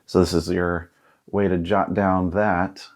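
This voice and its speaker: Taking his time with a flat delivery, a man in his thirties with a deep, low voice hosts a board game unboxing, chatting casually, musing, and reading bits from what's in front of him.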